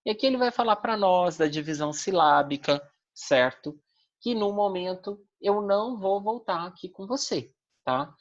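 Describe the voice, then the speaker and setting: A woman's voice: medium pitch, lively intonation, normal speed, dull audio. A woman with a Brazilian accent teaching an online Portuguese language class, explaining step by step and often checking in with her students. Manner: didactic, checks in with tag questions.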